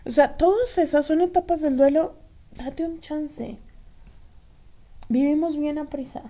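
A woman, speaking as a guest on grief, emphatic and animated with repeated lists. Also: sits high, brisk. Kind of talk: casual panel talk.

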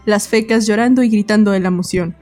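A woman's voice: mid-range voice, fast, mellow, faint music behind. A woman narrating a fanfic aloud to friends, often breaking into laughter mid-sentence. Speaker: narrator of a group fanfic reading. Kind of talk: casual reading aloud with giggles.

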